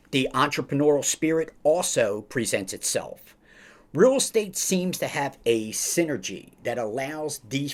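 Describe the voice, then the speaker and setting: A man hosting a podcast interview over a video call, speaking slowly and emphatically, with lots of encouraging praise. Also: mid-range voice. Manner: slow, emphatic, upbeat delivery with drawn-out phrases; repeats praise like a mentor. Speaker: podcast host.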